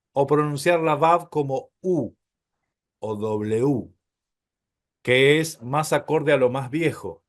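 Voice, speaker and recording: A man teaching a Hebrew class, explaining patiently, calling his listeners brothers and checking often that they follow. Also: fairly high pitch.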